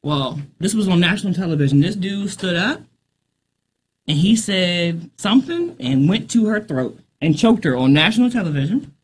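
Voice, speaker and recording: A woman hosting a casual podcast chat, her voice husky and a little breathy. She tells her stories in an animated way, piling on filler phrases as she goes. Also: lowish voice, moderate pace. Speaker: podcast host.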